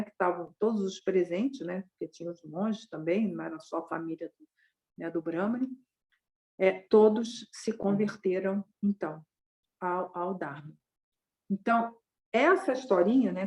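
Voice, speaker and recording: A woman's voice: mid-range voice, dark tone. A woman giving a Buddhist dharma talk, retelling a parable conversationally and tagging many sentences with a question. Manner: conversational, constant tag questions.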